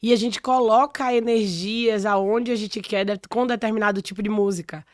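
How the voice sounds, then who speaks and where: A woman's voice: mid-range voice, fairly even intonation, normal speed, no room sound. A woman in her forties from Salvador, Brazil, a podcast guest telling a personal story in casual chat, with many restarts.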